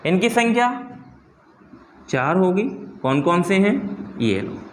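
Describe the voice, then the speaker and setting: A man's voice: sits high, big pitch swings, slow pace, slight background noise. A man teaching a Hindi lesson, asking the class questions and answering them himself, repeating key terms. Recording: echoey room.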